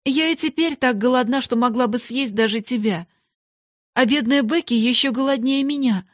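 A woman's voice: medium pitch, fairly even intonation, normal speed, darkish tone, breathy edge, no room sound, studio quality. A woman voicing a proud, restrained young girl in hard times, speaking earnestly in a storybook reading. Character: proud, sharp-eared poor young girl.

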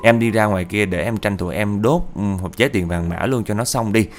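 A man's voice: lowish voice, a little fast, faint music behind, natural voice. A man voicing a middle-aged woman hairdresser who speaks politely.

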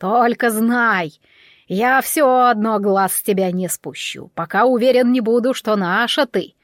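A woman voicing a blunt, clever male warhorse with gruff, folksy old-fashioned speech, in an audiobook. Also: fairly high pitch, measured pace, dry recording, clean studio sound, close to an everyday voice. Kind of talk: audiobook character voice.

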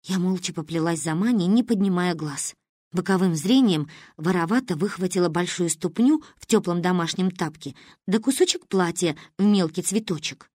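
A woman narrating a humorous story with lively, expressive delivery. Her pitch moves widely through every sentence, and the recording is close and dry with no room echo. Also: normal speed. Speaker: audiobook narrator.

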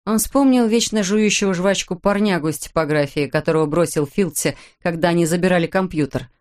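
A woman reading an audiobook in a measured, dramatic narration. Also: on the low side, a little mellow. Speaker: audiobook reader. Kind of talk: scripted narration.

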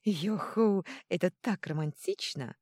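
An excitable young gnome girl, as a woman puts her on, squealing high and breathless with big emotional swings in pitch. It sounds close and dry, like a storybook reading. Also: normal speed, no room sound. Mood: excited.

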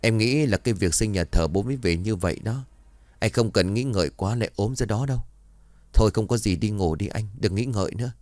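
A man's voice: lowish voice, a little fast, a little mellow, dry recording, close to an everyday voice. A man voicing a worried young mother who soothes her husband and child. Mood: soothing. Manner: soothing, anxious.

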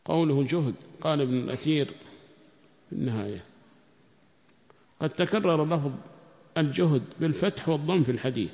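A man teaching a hadith commentary lesson, repeating each phrase slowly for students to write down, reciting quoted text louder and higher. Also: lively intonation. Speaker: Islamic studies teacher. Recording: long hall reverb.

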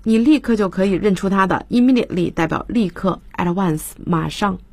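A woman's voice: medium pitch, a little fast, darkish tone, breathy edge, no echo. A woman English teacher on a radio program, explaining grammar in Chinese and reading English example lines. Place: radio studio.

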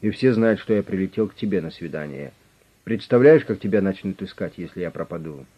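A man voicing a steady, pushy negotiator. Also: deep voice, a little fast, husky. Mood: insistent. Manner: steady, insistent, persuasive. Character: calm, pushy male negotiator with an official manner. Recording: dull lo-fi recording.

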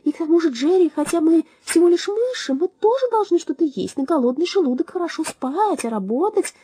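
A woman voicing a gentle, earnest green mouse in a storybook, speaking in an explanatory way. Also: extremely high pitch, lively intonation, brisk, no echo, pitched above the performer's own voice.

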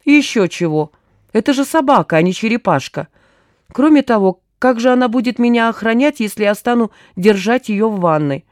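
A woman reader voicing a stubborn, sharp-tongued young woman who answers briskly and sardonically. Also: on the high side, animated, no echo, studio quality, pitched above the performer's own voice, lightly acted. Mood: sardonic. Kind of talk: audiobook character voice.

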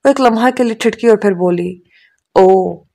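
A woman narrating a novel as an audiobook in a steady, even reading manner. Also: fairly high pitch, vocal fry.

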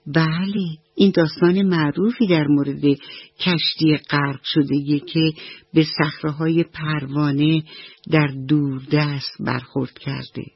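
A woman's voice: low voice, fairly even intonation, slightly rough, dry recording, dull audio. A woman voicing Fereshteh, a polite and eager new girl fish in class. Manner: polite, enthusiastic.

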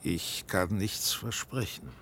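In a science-fiction radio drama, an actor plays an earnest, old-fashioned reservation dweller, speaking formally and deliberately like a guide explaining things, with a guarded, matter-of-fact mood. His male voice sits low and a bit bright, exaggerated in style, with slight background noise.

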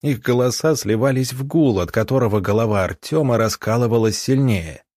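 A man narrating an audiobook in a steady, even storytelling manner. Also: medium pitch, brisk, no room sound, studio quality. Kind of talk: scripted narration.

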